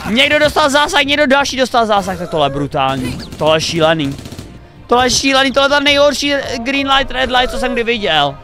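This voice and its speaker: High, bright excitable young man. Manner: excitable, thinking aloud, cheering the players on. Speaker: reaction video host. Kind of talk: excited reaction commentary. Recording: faint music behind the voice.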